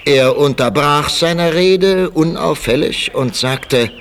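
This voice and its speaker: A man narrating a radio play in a measured storytelling manner. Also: fairly high pitch, fairly bright tone.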